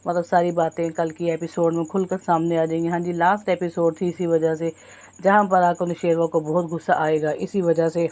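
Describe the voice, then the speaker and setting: A woman with a low voice talks her viewers through a TV drama's plot in a casual recap. Her delivery stays flat and level, and she calls her audience friends as she goes. She often stops to correct herself. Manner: retells plot at length, addresses viewers as friends, frequent self-corrections. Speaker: TV drama reviewer.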